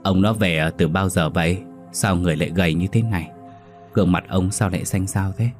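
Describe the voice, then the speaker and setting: A man's voice: sits low, fairly even intonation, fairly quick, soft background music, natural voice. A man reading as an anxious village wife. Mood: worried pleading. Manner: anxious, pleading. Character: worried village wife, middle-aged woman.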